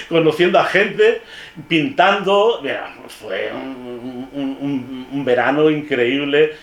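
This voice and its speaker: A man's voice: a little high, roomy sound. An older man from Spain, a painter, tells stories about his book in a casual, digressive way, often restarting his sentences. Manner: digressive, halting, with frequent restarts and asides. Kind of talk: casual storytelling talk. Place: public library hall.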